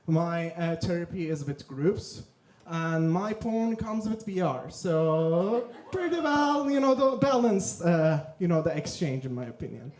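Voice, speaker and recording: A stand-up comedian from Turkey with a Turkish accent, telling deadpan jokes in a halting way with many fillers on a theater stage. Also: male voice, fairly high pitch. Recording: echoey theater room.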